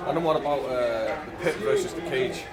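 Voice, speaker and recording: A man's voice: medium pitch, brisk, poor audio. A man interviewing a fighter after a bout in an informal, slightly hesitant way. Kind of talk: casual post-fight interview. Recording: loud busy crowd behind. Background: loud crowd.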